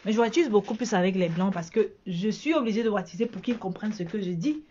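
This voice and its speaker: A woman's voice: medium pitch, fast, warm tone, lo-fi sound. A woman from Cameroon with a Cameroonian French accent, chatting casually in a vlog as a bridal shop owner, repeating herself often.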